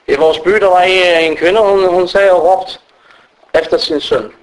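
High voiced guy preaching, lively storyteller, acts out everyone he quotes. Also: rough recording. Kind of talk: sermon.

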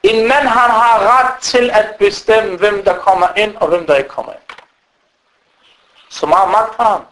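A man giving an animated sermon as a preacher, breaking into recited Arabic quotations. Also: sits high, poor audio. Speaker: Islamic preacher.

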